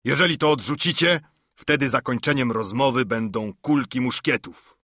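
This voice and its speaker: A man's voice: mid-range voice, moderate pace, bright, forceful tone, no echo, clean studio sound. A man voicing Long John Silver, menacing pirate. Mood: threatening. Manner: threatening, swaggering, raised voice. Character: scheming one-legged pirate captain, older man, menacing.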